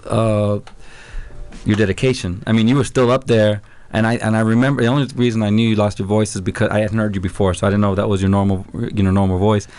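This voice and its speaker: A man's voice: lowish voice, fairly even intonation, a little mellow, clean tone. A middle-aged man, a longtime DJ, talking earnestly in a casual radio studio interview. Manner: thoughtful, earnest, slightly halting. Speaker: DJ guest.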